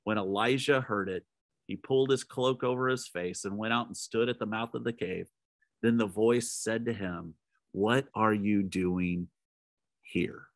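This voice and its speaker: A man at mid pitch preaches to his congregation, retelling a story and talking to them directly. Now and then he sinks into a hushed low tone to stress a point. The sound is close and dry, with no room echo. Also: moderate pace. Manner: storytelling, drops to a soft low voice for emphasis; speaks straight to listeners. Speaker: pastor. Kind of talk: midweek sermon.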